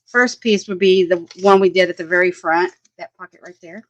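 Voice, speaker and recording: A woman's voice: lowish voice, steady tone, brisk, muffled recording. A woman, chatting casually as she works on a craft project, thinking aloud, often laughing, and answering viewers' comments. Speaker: crafting livestream host.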